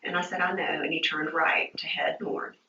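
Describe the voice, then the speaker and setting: A shaken middle-aged woman recounting an ordeal to investigators, halting and repeating herself with many fillers. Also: deep voice, steady tone, pushed and bright, a little hiss or hum. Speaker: witness giving a statement. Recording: roomy, distant, dull interview-room tape.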